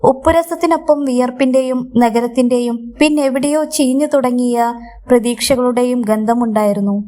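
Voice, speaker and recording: A woman narrating a scripted story in a steady, measured reading. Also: a little high.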